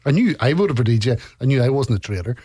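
A man's voice: mid-range voice, big pitch swings, fast talker, warm tone, husky, no echo. Northern Irish man, dry close sound. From Northern Ireland, County Antrim. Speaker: interview guest, reality show contestant. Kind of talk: casual conversational storytelling.

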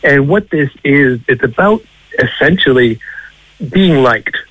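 This Boston man, a linguistics professor appearing as a radio guest, has an American accent with an Irish tinge. His mid-range, slightly bright voice is animated and unhurried as he explains things conversationally in a hedging, discursive style. The recording is low quality, with no echo.

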